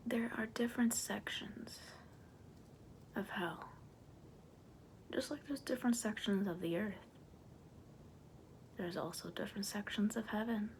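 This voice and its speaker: A woman in a whispered role-play voicing a sly, persuasive she-devil, in a breathy, coaxing demonic whisper. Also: medium pitch, unhurried, long pauses, a little hiss or hum, lightly acted. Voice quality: breathy whisper with creaky edges.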